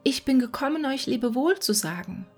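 A woman voicing a kind-hearted little male swallow in a whispered role-play, soft and pleading. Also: mid-range voice, measured pace, breathy edge, faint music behind. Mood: tender.

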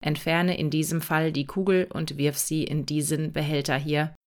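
Ein geduldiger, watschelnder Fabrikroboter, den eine Frau spricht, mit tiefer gesetzter, ruhiger Stimme. Er erklärt sachlich und belehrend. Die Stimme klingt etwas gedämpft und gleichmäßig. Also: female voice, low-pitched, flat delivery, moderate pace, voice pushed down, close to an everyday voice. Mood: instructive. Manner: patient, instructive. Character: calm waddling male factory robot.

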